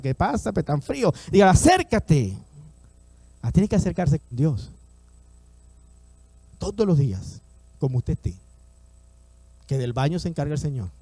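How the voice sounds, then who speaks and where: High-voiced male pastor preaching. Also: mellow, no room sound. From Latin America. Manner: emphatic, repeats lines and calls on the congregation to respond; acts out quoted voices in his stories. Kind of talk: sermon.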